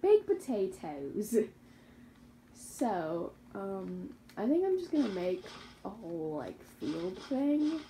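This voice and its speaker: Taking it slowly, a young woman speaks in a warm, sing-song, mid-range voice, with poor audio and a little hiss or hum. The gaming YouTuber casually comments on her own Minecraft survival game, chatty and rambling, correcting her slips and laughing at herself.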